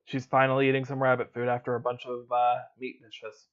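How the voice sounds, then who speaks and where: Acting as game master, a man narrates a tabletop roleplay session briskly in an ordinary mid-range pitch. His scene descriptions are relaxed and loose, full of little fillers, and his microphone sounds somewhat dull and lo-fi.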